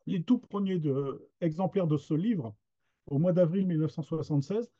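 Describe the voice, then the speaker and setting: A man lectures on a video call in a dark, mellow voice pitched a little high. He talks unscripted, circling back with fillers and restarts. The sound is dull and lo-fi. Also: moderate pace. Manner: hesitant, many fillers and restarts. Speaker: webinar presenter on regional literature. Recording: dull lo-fi webinar audio.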